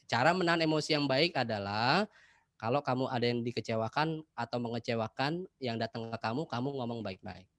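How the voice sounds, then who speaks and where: A man giving an online class talk to schoolchildren, lively and addressing them directly over a video call. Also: medium pitch, fairly quick, no echo, clean studio sound. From Jakarta. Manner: lively, addresses children directly, acts out examples. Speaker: presenter for schoolchildren.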